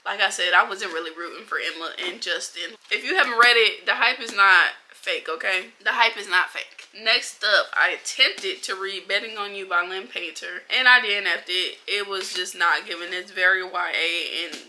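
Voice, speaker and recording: A woman's voice: on the low side, moderate pace, hardly any pauses, sharp tone, slight background noise. A young adult woman chatting bluntly and animatedly in a book vlog, full of slang and asides. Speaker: book vlogger. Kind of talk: casual reading wrap-up chat.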